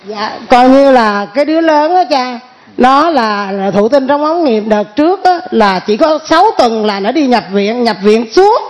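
A middle-aged woman with a slightly high voice gives a testimony in church. She speaks earnestly and keeps repeating and restarting her words as she tells her story. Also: animated, measured pace. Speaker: church member giving testimony. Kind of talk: emotional spoken testimony.

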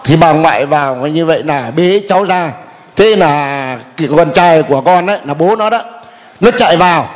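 Older guy, kinda high voice, telling his testimony all halting and hesitant, big echoey church hall. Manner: hesitant, halting with many fillers. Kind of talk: spoken testimony. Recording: long hall reverb.

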